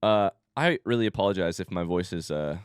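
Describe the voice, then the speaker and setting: Recorded clean in a studio with no echo, a deep male voice moves a little fast. The speaker, a streamer tackling a game blind, muses aloud informally and swears mildly, and his sickness shows in his voice.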